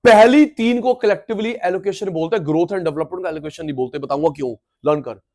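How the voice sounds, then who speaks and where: In an energetic economics lecture, a middle-aged man loudly coaxes and quizzes his students. His voice is high and his delivery a little fast.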